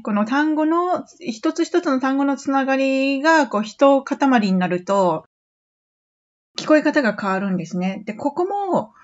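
Podcast english teacher lady, slightly high pitched, walks through phrases step by step, kinda muffled audio. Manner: patient, repeats phrases slowly for practice.

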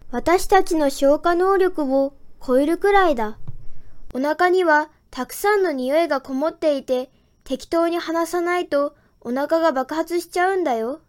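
A woman's voice: high-pitched, a little slow. A woman voicing a round, smelly talking lie creature that grumbles bluntly. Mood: grumbling.

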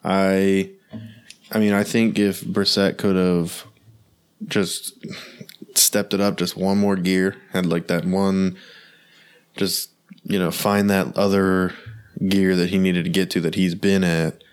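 A man's voice: low voice, little pitch movement, slow pace, pauses often, smooth. A man co-hosting a sports podcast while sick, his voice congested and nasal, talking in a rambling way full of fillers. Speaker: co-host. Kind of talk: casual sports podcast chat.

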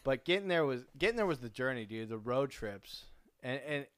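A man's voice: medium pitch, lively intonation, a little fast, no room sound. A man co-hosting a podcast, telling road-trip stories in a loose, profane, laid-back way with lots of restarts. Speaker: podcast co-host. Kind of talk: casual chat, swapping road-trip stories.

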